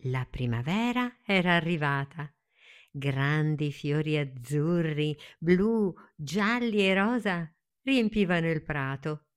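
A woman narrating a children's story in a gentle, expressive, unhurried read-aloud manner. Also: low voice, clear, resonant tone.

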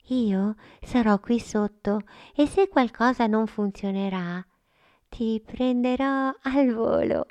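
A woman voicing a kind little girl who gently encourages her friends. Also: fairly high pitch, slow, clear, resonant tone, no room sound, muffled recording, voice pushed up. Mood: encouraging.

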